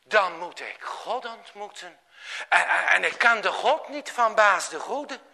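A man playing a terrified young deckhand who stumbles over his words. The voice is bright and lively, rising and falling as the thoughts come slowly. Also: high-pitched, gravelly, heavily acted. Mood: fearful. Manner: hesitant, stammering. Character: frightened young ship's boy far from home.

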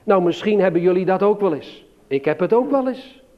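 A man giving a children's sermon, slow and emphatic, asking the listeners questions. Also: high-pitched, lively intonation, lo-fi sound. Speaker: preacher.

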